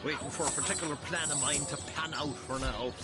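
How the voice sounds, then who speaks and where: A man's voice: on the high side, fairly even intonation, brisk, natural voice. An actor playing a wry, casual, roguish townsman in a video game. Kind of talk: video game character acting. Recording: music behind the voice.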